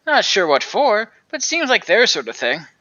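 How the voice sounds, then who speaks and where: A man puts on a calm, easygoing alien space traveler, reading game dialogue in a voice pitched a little above his own. The tone stays bright and forward, and the delivery is laid-back and musing, with a gentle teasing edge. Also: normal speed, dull audio, exaggerated voice. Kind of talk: reading game dialogue aloud on a live stream.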